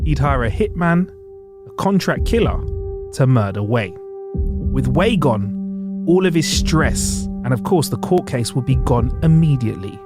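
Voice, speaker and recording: A man's voice: medium pitch, big pitch swings, unhurried, loud music behind the voice. A man co-hosting a podcast, telling a true-crime story with comic asides and long, playful strings of synonyms.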